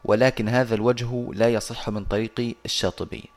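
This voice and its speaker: A man teaching Quran recitation over a video call, patiently explaining and slowly reciting verses. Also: medium pitch, level tone.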